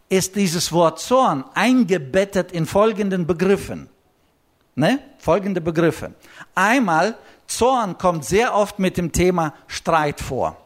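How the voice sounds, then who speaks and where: Male preacher, high voice, chatty sermon delivery, phrase endings fall to a murmur.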